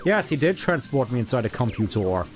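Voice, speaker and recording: A man's voice: medium pitch, big pitch swings, brisk. A man giving casual live game commentary as a streamer, musing and rambling wryly. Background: game music.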